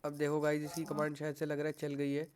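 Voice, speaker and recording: A man's voice: fairly high pitch, completely flat delivery, fast, a little mellow, clear, resonant tone. A young man giving a live online coding class, patiently guiding students through errors and mixing English tech terms into his speech. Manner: patient, reassuring, mixes English tech words into Hindi. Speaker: coding instructor.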